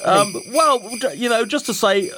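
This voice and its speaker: A man's voice: very high-pitched, expressive, measured pace, background noise. An Irish man hosting a casual interview, teasing his guests and laughing often. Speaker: podcast host.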